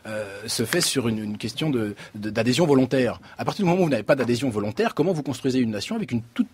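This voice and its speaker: Brief: man from France, teacher-author guest, dry close sound, husky, halting delivery. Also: medium pitch, lively intonation, a little mellow, no echo. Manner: halting, repeats words. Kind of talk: interview answers.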